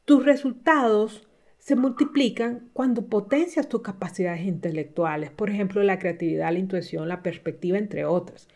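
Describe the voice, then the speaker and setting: A middle-aged woman coach giving a motivational talk, speaking with lively, emphatic swings up in pitch. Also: moderate pace. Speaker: leadership coach.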